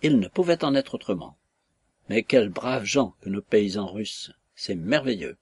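A man's voice: on the low side, expressive, measured pace, slightly rough, no echo, heavily acted. A man voicing a pushy, blustering reactionary nobleman who badgers and exclaims, in a read-aloud novel. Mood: gloating.

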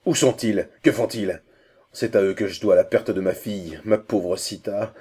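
A man's voice: low voice, fairly even intonation, unhurried, warm tone. A man reading aloud and voicing an old Indian prince, a grief-stricken father who turns wrathful and commanding. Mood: angry alarm. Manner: anguished, then commanding and vengeful.

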